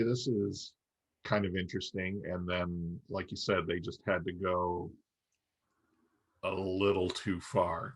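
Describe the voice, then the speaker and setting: Co-hosting a podcast, a man with a low, fairly bright, slightly rough voice talks through a casual review. He gives his opinions loosely, thinking aloud in a hesitant, conversational way.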